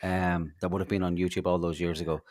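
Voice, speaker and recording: A podcast co-host rambles through stories in a casual chat, packed with fillers, restarts and swearing. His low voice is fast, level and somewhat dark. The recording is dry and studio quality.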